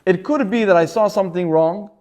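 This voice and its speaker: Guy giving a torah class, high voice, lively, keeps repeating himself. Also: fairly quick. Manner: animated, repeats words often, acts out quotes. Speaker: rabbi teaching a Torah class. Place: synagogue.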